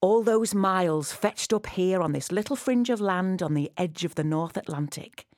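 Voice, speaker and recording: A woman giving a poetic, scripted guided narration, intimate and close as if right in the listener's ear, measured and addressing the listener directly. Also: fairly low pitch, a little mellow, dry recording. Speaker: audio walk guide.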